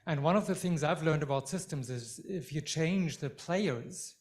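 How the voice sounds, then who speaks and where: A man in the audience asking a measured, deliberate question. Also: on the high side.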